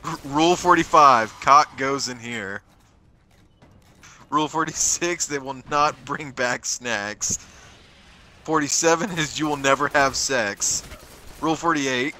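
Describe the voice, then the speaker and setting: Bright, forceful young man in game chat. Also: medium pitch, measured pace, long pauses, a little hiss or hum. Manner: crude, sweary joking. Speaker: online gamer.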